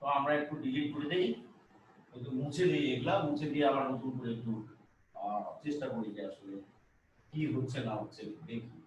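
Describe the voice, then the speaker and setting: A man teaching a grammar lesson at a board, halting with many filler sounds and restarts, asking rhetorical questions. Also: mid-range voice, muffled recording, slight background noise. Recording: echoey room, voice from some distance.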